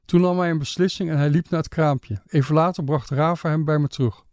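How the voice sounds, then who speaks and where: A man narrating an audiobook in a calm, measured, matter-of-fact way. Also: a little high, no echo, clean studio sound.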